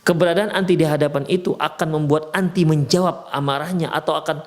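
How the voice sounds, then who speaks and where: A man with a Medan Indonesian accent giving an Islamic marriage lecture in a mosque, lively and conversational, briefly acting out husband and wife and explaining Arabic texts. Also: fairly high pitch, brisk.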